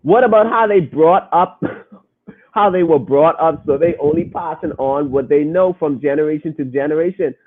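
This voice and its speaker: Speaking at a moderate pace in a fairly high voice, a man hosting a podcast answers his listeners' comments with emphatic, sermon-like remarks aimed right at them. His audio is narrow and phone-like.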